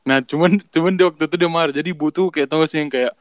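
Young male co-host, animated slangy storyteller, fairly high pitch, dry close mic. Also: quick pace, dry recording. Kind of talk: casual storytelling chat.

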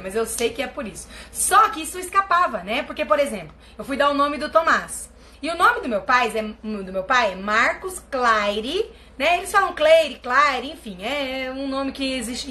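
A woman with a Brazilian Portuguese accent, chatting casually to her live-stream viewers as a family constellation therapist, telling stories with big swings in her voice. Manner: animated storytelling with big pitch swings.

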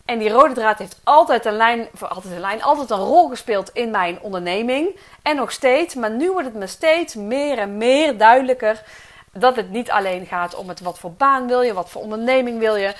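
Earnest Dutch woman coach, fairly high voice. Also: lively intonation, normal speed. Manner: earnest, reflective, many fillers and restarts. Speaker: podcast host and career coach. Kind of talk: personal podcast monologue.

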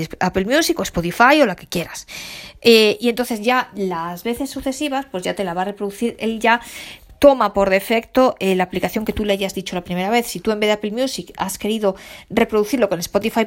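A woman's voice: mid-range voice, brisk. A woman with a Spain Spanish accent, a podcast host walking listeners through phone settings step by step. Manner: chatty, explains step by step to listeners. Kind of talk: tech tutorial walkthrough.

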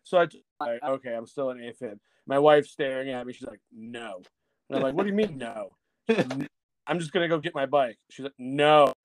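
A man's voice: medium pitch, fast talker, slight background noise. A middle-aged man, a guest on a podcast, telling a rambling story in a self-mocking way, laughing and swearing freely and acting out what others said. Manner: rambling with restarts and acted-out dialogue. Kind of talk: casual storytelling chat.

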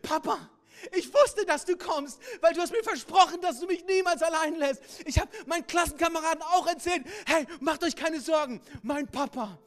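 A man's voice: very high-pitched, normal speed, fairly bright tone, pitched above the performer's own voice. A man voicing a young schoolboy trapped under rubble, calling out in eager, raised, pleading tones. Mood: eager relief.

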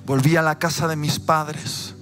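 A man preaching a sermon, telling a personal story and swinging from quiet storytelling to loud, impassioned preaching. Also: fairly high pitch, little pitch movement, measured pace. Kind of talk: emotional sermon testimony. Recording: music playing behind the voice.

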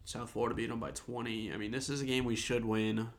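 A man's voice: mid-range voice, flat delivery, fast, slight background noise. A man in his twenties co-hosting a sports podcast, wry and pessimistic as he rattles off stats in casual chat. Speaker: podcast co-host.

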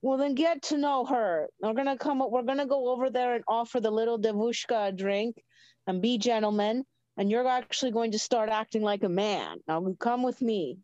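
Pushy, old-fashioned older gentleman played by a woman, insistent and folksy, rambling improvised role-play, close dry sound. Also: a little high, normal speed, dry recording, highs cut off, lightly acted. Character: pushy, gleeful older man playing matchmaker, old-fashioned.

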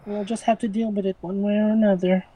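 A man's voice: high-pitched, level tone, fast, warm tone, dry recording, poor audio. A man co-hosting a casual gaming podcast, often stumbling and restarting his words, with a dry sarcastic edge. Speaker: podcast co-host.

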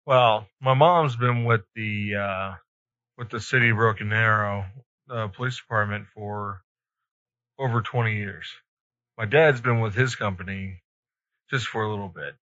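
A man's voice: fairly low pitch, measured pace, sharp tone. A man hosting a podcast in casual chat, speaking somewhat hesitantly in short, tentative phrases. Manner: hesitant, brief tentative replies. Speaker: podcast host. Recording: dull, dry lo-fi audio.

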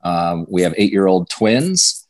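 A man from Western Wisconsin, a candidate for office, calmly answering interview questions. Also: deep voice, a little slow, no room sound. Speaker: political candidate guest.

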